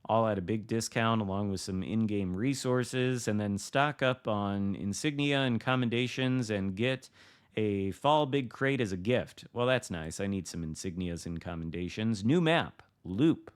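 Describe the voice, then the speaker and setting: A man's voice: on the low side, moderate pace, clean tone. A man reading video game patch notes aloud, breaking off into casual, wry, offhand asides. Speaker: gaming content creator reading patch notes.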